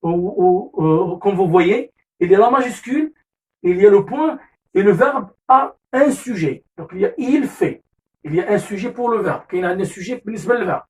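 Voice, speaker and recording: A man's voice: sits high, lively intonation, moderate pace, a little mellow. Moroccan male teacher, a little off-mic. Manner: repeats key terms, corrects himself with "pardon"; mixes French with Moroccan Arabic asides. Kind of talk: classroom lesson explanation. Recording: voice distant from the mic.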